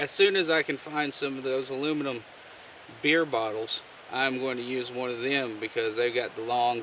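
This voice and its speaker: A man casually showing a homemade camp stove outdoors, talking in a relaxed, folksy way with many fillers. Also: medium pitch, far from the mic, noisy background. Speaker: outdoor gear vlogger. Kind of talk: casual how-to demonstration. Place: outdoors on the ground, off camera.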